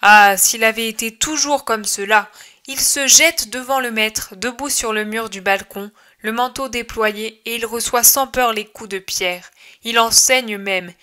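Bright-voiced woman narrating a religious text. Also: a little high. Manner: measured, expressive reading. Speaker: audiobook reader.

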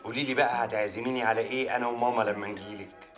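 Brief: gullible Egyptian suitor, male actor, rapid speech. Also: mid-range voice, fairly even intonation, faint music behind, close to an everyday voice. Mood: eager. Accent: Egyptian Arabic. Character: naive, eager male suitor.

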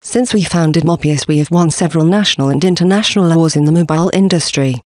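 A man giving a scripted presentation for a company, reading slide contents and symbols aloud in a steady, even delivery. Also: a little high, fast, no echo, studio quality.

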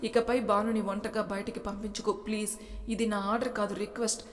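A woman's voice: medium pitch, flat delivery, fast talker, a little hiss or hum, close to an everyday voice. A woman voicing a protective young man who speaks firmly but tenderly, in a storybook reading. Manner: firm, commanding yet gentle. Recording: reverberant room.

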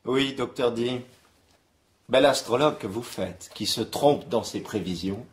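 An actor playing a witty, needling Elizabethan poet in a radio drama, speaking with erudite sarcasm. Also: male voice, mid-range voice, unhurried, slightly rough. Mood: mocking. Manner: sardonic, erudite. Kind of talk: French radio drama acting.

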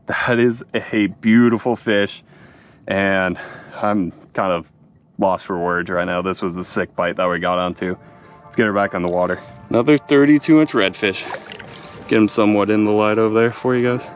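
A young man hosting a fishing vlog from a small boat at dusk, chatting casually and excitedly, saying "dude" a lot. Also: lowish voice, moderate pace, soft background music. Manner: excited, laid-back, says "dude" a lot. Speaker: fishing channel host. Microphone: action camera mounted on cap.

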